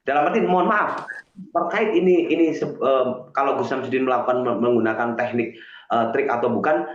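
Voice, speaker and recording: A man's voice: mid-range voice, a little fast. A man telling a story earnestly on a live stream. He hesitates often and restarts his sentences with many fillers. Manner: earnest and confessional. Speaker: guest on a live stream, self-styled healer. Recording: echoey, dull lo-fi stream audio.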